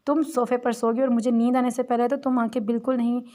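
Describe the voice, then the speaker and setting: Brief: stern, irritable young husband, harsh threats, read by a woman narrator, slightly high voice. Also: flat delivery, fast, mellow, lightly acted.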